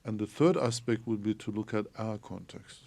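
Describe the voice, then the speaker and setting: Gravelly low-voiced man explaining carefully. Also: dark tone. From Turkey. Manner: measured, explanatory, frequent hesitations. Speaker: theologian guest. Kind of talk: podcast interview.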